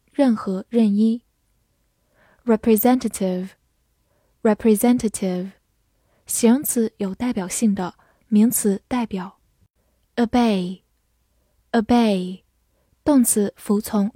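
A woman reading vocabulary, saying each word twice, then its meanings in a measured drill. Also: fairly high pitch, mellow, no room sound. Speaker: vocabulary reader. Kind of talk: slow dictionary-style word drill.

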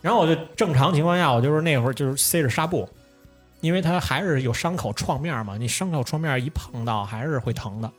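A man's voice: medium pitch, fast talker, slightly rough, faint music behind. A young man, a podcast host telling a story in casual chat, swearing and laughing often. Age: young adult.

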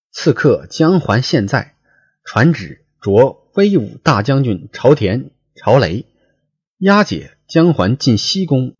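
A man's voice: mid-range voice, darkish tone, husky, muffled recording, pitched above the performer's own voice, exaggerated voice. A man voicing a scheming royal consort in a read-aloud classic tale, coaxing and calculated.

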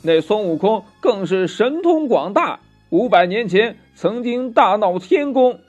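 A small, nervous demon minion chatters a frightened tale in a children's storybook, with a male narrator doing the voice. It sits high and quick-tongued over faint music. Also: expressive, a little mellow, dull audio. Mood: fearful.

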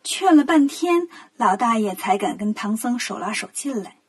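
A woman narrates a children's story, gentle and expressive, with clear pacing. Her voice sits a little high and is very breathy and airy. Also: normal speed.

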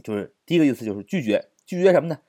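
A man teaching English vocabulary in an audio lesson, repeating each word and spelling it out slowly letter by letter, with frequent drawn-out "ah" fillers between phrases. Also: a little high, lively intonation, warm tone, no echo, clean studio sound.

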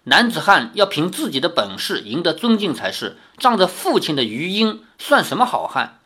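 A man narrating a novel as an audiobook, reading expressively and breaking off for relaxed, chatty asides. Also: on the high side, normal speed, breathy edge.

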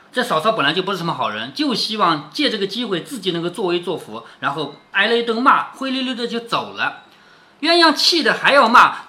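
A middle-aged man telling a story to his child, his voice bright and full of rises and falls. He retells the tale in everyday words, playful, and keeps checking in with "isn't it?". It sounds like a casual read-aloud with running commentary. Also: high voice. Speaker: father reading a classic novel aloud to his daughter.

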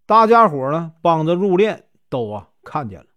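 A Northeastern-accented man tells a classic tale in a folksy storytelling voice, drawing out little filler syllables. His pitch sits slightly high and moves lively, and the recording is dry and close. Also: moderate pace, no room sound. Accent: Northeastern Mandarin. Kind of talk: storytelling narration.

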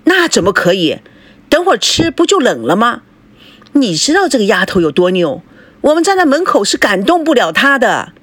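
A woman doing a sly nagging middle-aged mom, husky voice, lively up and down. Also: on the high side, normal speed, no room sound, pitched above the performer's own voice. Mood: scolding. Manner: nagging, persuasive, fawning. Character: shrewd, scolding middle-aged mother.

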